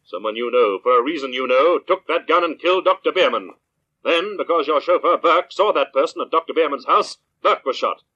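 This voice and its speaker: The Shadow, sharp, filtered, ominous avenger. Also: male voice, fairly high pitch, expressive, slightly rough, pitched above the performer's own voice, full character voice. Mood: accusing, stern. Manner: slow, ominous, commanding pronouncements. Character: the Shadow, stern unseen male avenger, menacing and all-knowing. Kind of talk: 1940s radio acting. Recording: dull lo-fi old radio recording.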